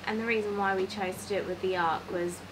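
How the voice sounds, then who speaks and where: A woman's voice: medium pitch, steady tone, fast talker. Woman in her 30s explaining sailing plans, lots of wind noise. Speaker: sailing vlogger. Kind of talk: casual chat. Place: outdoors on a sailing catamaran.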